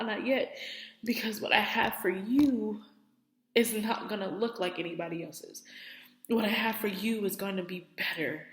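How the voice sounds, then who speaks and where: A woman's voice: lowish voice, roomy sound, big-room sound. A young woman talking about her faith while teary, in a rambling, heartfelt way full of "like" and "you know". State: teary, on the verge of crying. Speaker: faith vlogger. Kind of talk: emotional personal testimony.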